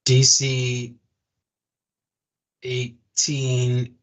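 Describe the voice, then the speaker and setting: A man's voice: medium pitch, completely flat delivery, very slow, fairly bright tone. A man acting as game master of a tabletop game, talking casually and correcting himself as he goes. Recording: dull lo-fi audio.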